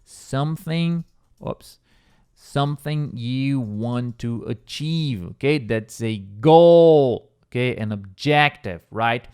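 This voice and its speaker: Brazilian-accented male English teacher, unhurried, animated pitch, keeps checking understanding. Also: smooth. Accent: Brazilian Portuguese. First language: Brazilian Portuguese. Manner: repetitive, checks in with "okay?" and "right?". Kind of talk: explaining vocabulary step by step.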